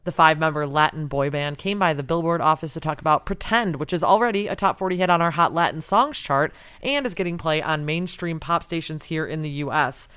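A woman hosting a music podcast, chatty and quick to laugh, introducing and interviewing guests. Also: low-pitched, fairly bright tone, clean tone. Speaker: podcast host.

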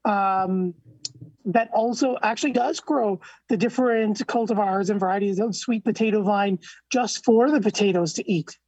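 A woman's voice: medium pitch, moderate pace, a little mellow, no echo. A woman co-hosting by remote call, chatting casually, her voice muffled as if she were talking from a closet or through a wall. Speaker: co-host. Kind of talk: casual chat. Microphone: remote call microphone.

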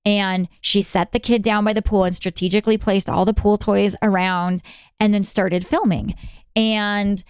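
A woman's voice: medium pitch, flat delivery, smooth, dry recording, studio quality. A woman guest in an interview, telling stories earnestly and sometimes speeding up in bursts. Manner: earnest, storytelling with quick bursts. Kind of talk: conversational interview.

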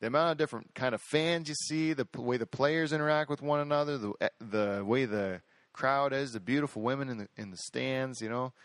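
In a rambling, casual podcast chat, a male host with a middle-pitched voice speaks briskly, bragging excitedly and doubling back on his own words. His recording is close and dry, lacking any echo.

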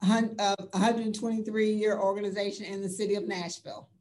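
A woman's voice: mid-range voice, little pitch movement, a little fast, darkish tone. A woman giving a brief, matter-of-fact self-introduction as a panelist, heard over a video call. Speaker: panelist, nonprofit chief executive.

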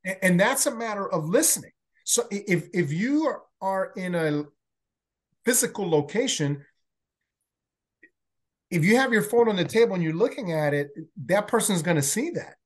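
This high-pitched man talks at normal speed with lively intonation and long pauses. He's a Salvadoran workplace learning consultant appearing as a podcast guest, a native Spanish speaker with a slight accent, speaking earnestly in a casual interview and frequently starting his words over.

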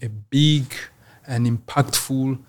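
A middle-aged man with a Rwandan accent, speaking as an interview guest in a measured way with many fillers. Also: medium pitch. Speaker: church missions coordinator.

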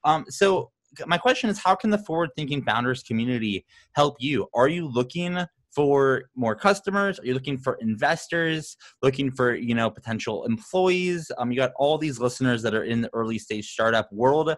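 A man's voice: medium pitch, animated, normal speed. A man hosting a startup podcast, asking rambling questions with many fillers. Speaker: podcast host. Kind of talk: podcast interview.

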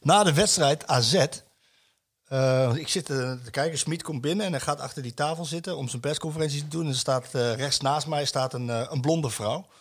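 A man's voice: fairly high pitch, brisk, breathy edge. A man hosting a football talk show, chatting and reading a column aloud with hesitant fillers. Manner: hesitant, many fillers, chuckles while reading. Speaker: football radio show host.

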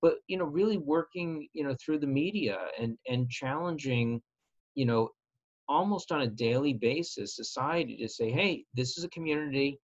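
Earnest advocate guy in an interview, measured, restarts his sentences, kinda muffled lo-fi sound. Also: medium pitch. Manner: earnest, measured, repeats opening words. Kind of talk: conversational interview. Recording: slightly dull lo-fi sound.

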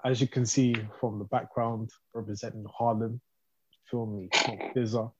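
A man with a husky voice and a London roadman way of bantering in casual podcast chat. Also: medium pitch, level tone, moderate pace, dull audio, a little hiss or hum.

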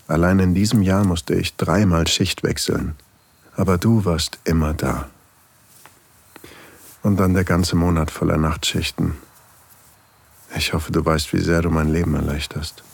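An actor voices an older single father, tender and longing, in an intimate audio drama narration that he confides softly. His voice is husky, gravelly, low-pitched and exaggerated, carrying a weary, grateful mood.

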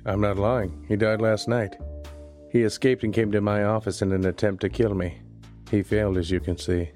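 Low-voiced man, deadpan noir detective narration, wry manner, faint music behind. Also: normal speed. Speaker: narrator and lead private investigator.

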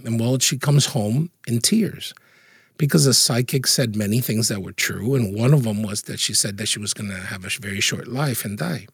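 Man, interview guest, husky, casual storytelling, animated, dry close sound. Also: on the low side, moderate pace, no room sound. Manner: animated, laughs while telling anecdotes. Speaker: interview guest, feng shui consultant.

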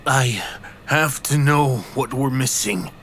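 A man voicing a slow, brooding haunted artist. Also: mid-range voice, slight background noise. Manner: slow, hushed, brooding narration. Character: haunted reclusive man, sensitive artist, confessing. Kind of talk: horror story reading.

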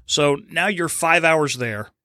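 Bright, emphatic man. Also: on the high side, takes it slowly, no echo, studio quality. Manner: emphatic, insistent storyteller. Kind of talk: casual chat.

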